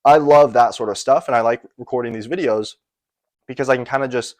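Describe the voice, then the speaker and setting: This young American man, a business and sales coach online, has a mid-range, darkish voice with fairly even intonation and talks fairly quickly, with no echo. He rambles casually to camera in an unscripted motivational explainer, regularly checking in by ending phrases with "right?".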